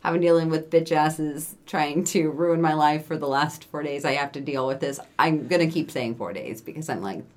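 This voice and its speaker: Young woman podcast co-host, low pitch, animated casual chat with acted-out quotes. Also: normal speed, hardly any pauses. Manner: animated, swears freely, acts out quotes.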